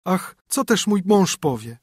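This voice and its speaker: A man voicing a proud young princess brought low, speaking in a plaintive, lamenting way in a storybook reading. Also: lively intonation, moderate pace, breathy edge, dry recording, studio quality. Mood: dismayed.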